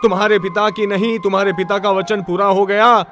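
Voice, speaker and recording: A man voicing a remorseful middle-aged queen mother who pleads loudly for forgiveness, within a religious discourse. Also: sits high, lively intonation, moderate pace, faint music behind. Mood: pleading. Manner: pleading, raised and loud.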